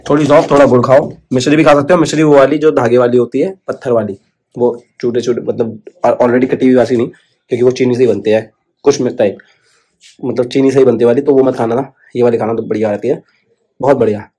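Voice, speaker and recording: A man's voice: medium pitch, fairly even intonation, fast talker, dark tone, husky. A man chatting casually to the camera in a home vlog, sharing tips and calling his viewers brother. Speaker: vlogger. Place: at home, indoors.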